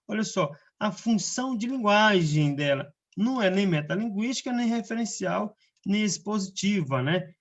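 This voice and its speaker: A man's voice: sits high, dull audio. A man with a Brazilian Portuguese accent, a teacher going over the answers in a casual remote lesson and checking in with his students all the time. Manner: chatty, keeps checking in with tags like "né?" and "beleza?".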